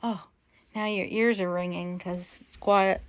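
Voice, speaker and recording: A woman's voice: mid-range voice, steady tone, measured pace, slight background noise. A young adult woman hosting a home video, chatting casually with a child.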